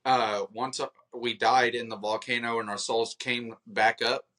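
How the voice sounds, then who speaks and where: A young man co-hosting a podcast over a video call, telling stories in a lively, casual way and imitating the people he quotes. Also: medium pitch, a little slow. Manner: animated storytelling, mimics people he quotes. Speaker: podcast co-host. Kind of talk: casual chat.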